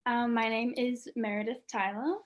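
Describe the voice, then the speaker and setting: Brief: young student artist, woman, higher voice, casual and chatty, laughs easily. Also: fairly even intonation, moderate pace. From Australia. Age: young adult. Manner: chatty, many "like"s, laughs often. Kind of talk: casual interview chat.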